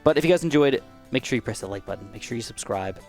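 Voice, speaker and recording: Soft music plays behind this young man's quick, medium-pitched gameplay chatter. As a gaming YouTuber, he sounds a little raspy and dry, swinging from excited bursts to muttered side comments.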